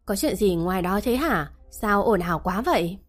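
A woman's voice: mid-range voice, animated, moderate pace, faint music behind, lightly acted. A woman voicing a harsh middle-aged mistress of the house who scolds her maid with contempt. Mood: scornful.

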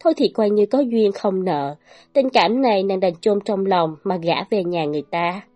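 A woman's voice: mid-range voice, normal speed, dark tone, soft background music. Woman telling a dramatic folk tale. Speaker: narrator. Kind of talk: storytelling narration.

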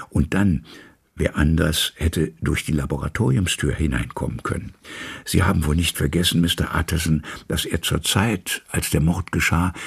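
A man voicing a loyal, frightened old male manservant who drops into hushed whispers, with a gravelly, husky voice. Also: low voice, voice pushed up, full character voice.

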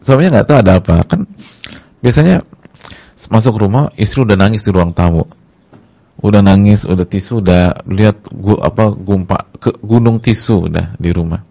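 Male preacher, very low gravelly voice, dull lo-fi lecture recording; acts out weeping dialogue. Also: moderate pace, dark tone. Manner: addresses the women in the audience directly. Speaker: Islamic preacher. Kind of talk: sermon-style religious lecture.

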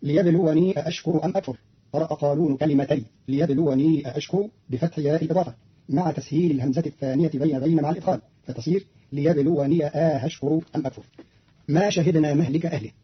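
Husky, fast-talking formal radio announcer man. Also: fairly high pitch. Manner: measured, formal announcer delivery. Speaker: radio presenter explaining recitation variants. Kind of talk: scripted explanatory narration. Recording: dull lo-fi archival radio recording.

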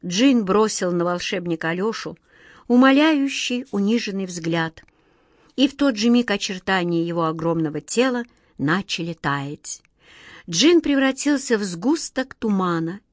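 A woman reading a fairy tale aloud in an expressive, measured way. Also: medium pitch, no room sound, studio quality. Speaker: audiobook reader. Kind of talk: storybook narration.

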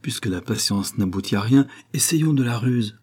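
A man voicing a cheerful old male peasant archer in a storybook reading, speaking in lively exclamations. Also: medium pitch, moderate pace, slightly rough. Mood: musing.

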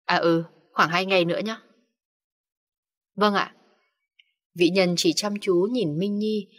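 A woman narrating a romance story in an even, storytelling manner. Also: medium pitch, breathy edge.

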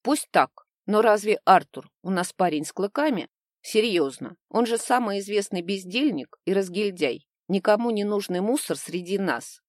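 A woman's voice: mid-range voice, lively intonation, moderate pace, no echo, clean studio sound, lightly acted. A woman voicing a sly, pushy young man who likes to interrogate others and speaks in a taunting, mocking way.

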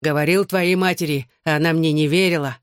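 A man's voice: a little high, fairly even intonation, smooth, no room sound, clean studio sound, lightly acted. A man doing a snarling drunk father. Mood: furious drunk. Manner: slow, heavy, snarling delivery. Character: drunk violent father, slurring and growling.

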